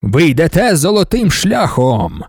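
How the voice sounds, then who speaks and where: A man voicing an ancient, commanding male god-emperor for an audiobook, speaking slowly and ceremonially. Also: wildly swooping pitch, breathy edge, no echo, studio quality, exaggerated voice. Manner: slow, booming, ceremonial pronouncements. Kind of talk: audiobook narration.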